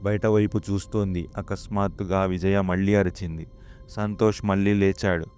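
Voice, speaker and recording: Deep-voiced man telling a horror story. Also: level tone, moderate pace, a little mellow, clear, resonant tone, soft background music.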